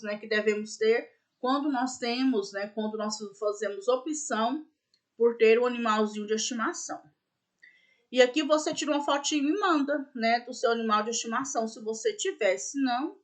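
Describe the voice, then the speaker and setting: Bright-voiced teacher spelling words slowly. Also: female voice, a little high. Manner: patient, spells words out letter by letter; checks in with "né?" and "tá bom?". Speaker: primary school teacher. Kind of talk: recorded remote class explanation.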